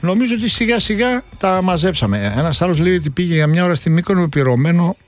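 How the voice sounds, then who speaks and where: A man's voice: high voice, animated, faint music behind. A man co-hosting a casual show, joking as he reads out listener messages, sometimes in put-on voices. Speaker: radio co-host.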